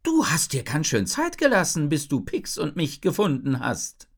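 A woman voicing a bubbly, chatty young girl genie in an audiobook, giggly and quick with her words. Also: low voice, huge pitch swings, husky, exaggerated voice. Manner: giggly, fast talking, squeals when scared. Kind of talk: audiobook character voice.

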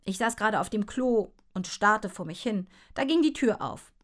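A woman narrating a children's story in the first person, lively and expressive. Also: medium pitch, moderate pace.

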